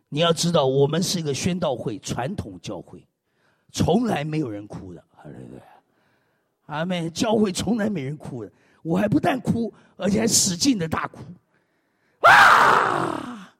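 Animated high-voiced male pastor preaching. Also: moderate pace, breathy edge, long reverb tail. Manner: animated, frequent hallelujah and amen refrains. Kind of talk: preaching sermon with humor.

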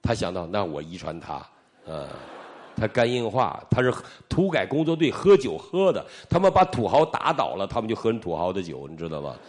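A middle-aged preacher from Northeast China shares his testimony during a sermon, his voice lowish and his speed normal. He tells the story with animation, acting out the dialogue as he goes.

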